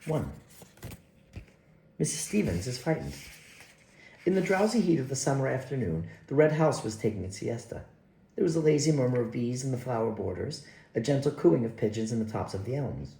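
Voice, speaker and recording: A man narrating an audiobook in an unhurried, expressive reading style. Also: mid-range voice, gravelly, slight background noise. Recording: echoey room.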